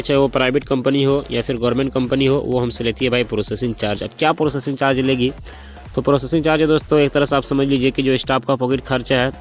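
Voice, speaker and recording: In a casual vlog, a man with a medium-pitched voice explains motorcycle financing, walking through loan sums step by step and repeating the figures. He deliberately speaks slowly and calls his viewers brothers and friends.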